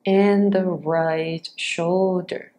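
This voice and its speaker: A yoga nidra teacher with a slightly low, mellow voice guides a practice in short, measured phrases. She speaks extremely slowly with fairly even intonation, and long pauses between instructions keep the whole delivery unhurried.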